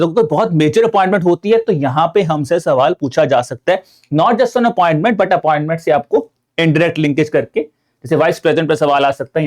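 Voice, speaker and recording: A man's voice: on the high side, darkish tone. A man with an Indian accent giving an online exam-preparation lecture, explaining step by step and often calling his viewers friends while mixing in English terms. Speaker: exam prep teacher.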